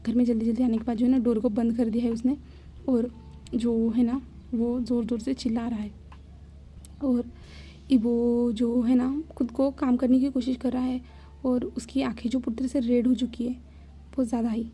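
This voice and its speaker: A woman's voice: fairly high pitch, flat delivery, moderate pace, dark tone, a little hiss or hum. A woman casually retelling a fanfiction story, rambling along with frequent fillers.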